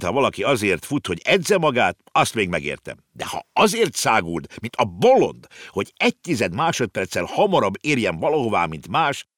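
A gruff old uncle, put on by a man scolds and grumbles bluntly in a storybook reading. The voice rises above the narrator's deep register and moves lively. The recording is close and dry. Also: no room sound.

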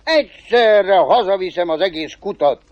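A man's voice: sits high, lively intonation, dry recording, dull audio, voice pushed up. A man voicing a poor, boastful peasant furrier who talks curt and self-assured. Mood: cocky.

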